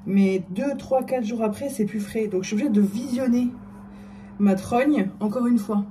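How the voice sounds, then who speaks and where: A woman's voice: fairly high pitch, moderate pace, mellow, a little hiss or hum. A middle-aged woman chatting casually in her vlog, self-mocking and hesitant, often trailing off with fillers. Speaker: vlogger.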